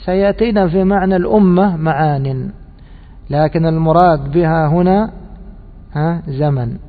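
Male teacher, fairly high voice, quizzes the class and drawls key words; tinny recording. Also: moderate pace. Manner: quizzing listeners with prompting questions. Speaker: teacher of Quranic exegesis and grammar. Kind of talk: classroom lesson with questions to students. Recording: tinny phone-like audio with long hall reverb.

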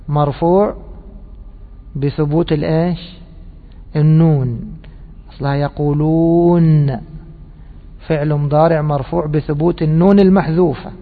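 A man teaching a classroom lesson on grammar and scripture, quizzing his listeners with prompting questions and slowly drawing out key words. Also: fairly high pitch. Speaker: teacher of Quranic exegesis and grammar. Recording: tinny phone-like audio with long hall reverb.

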